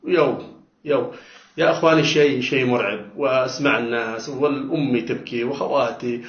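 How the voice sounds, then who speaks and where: Guy rushing through a scary personal story, keeps repeating himself, echoey room, kinda dull sound. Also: medium pitch. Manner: dramatic, repeats words for emphasis, pleading tone. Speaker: storyteller recounting a near-death experience. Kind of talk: emotional personal testimony. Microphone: phone.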